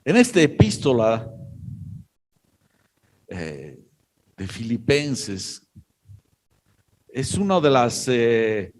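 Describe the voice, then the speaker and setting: A man delivering a sermon at a deliberately slow pace. He speaks in a mid-range voice and pauses often, with frequent fillers as he tells his story. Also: mid-range voice, very animated, a little hiss or hum. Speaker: pastor.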